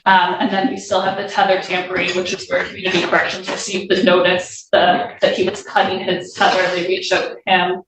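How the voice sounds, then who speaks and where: A woman's voice: on the low side, completely flat delivery, fairly quick, hardly any pauses, crowd noise. Woman prosecutor way off the mic, super echoey room, methodical formal argument. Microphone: far from the speaker. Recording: echoey courtroom, distant mic, faint noise.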